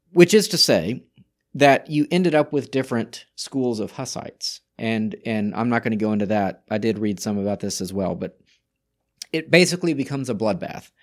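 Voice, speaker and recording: Male podcast co-host, mid pitch, casual history talk, reads quotes, frequent restarts. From Czech Republic.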